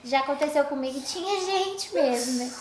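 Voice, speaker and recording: A Brazilian woman telling her own spooky stories in a casual chat, animated and dramatic. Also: high voice, fairly quick, a little hiss or hum. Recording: roomy echo.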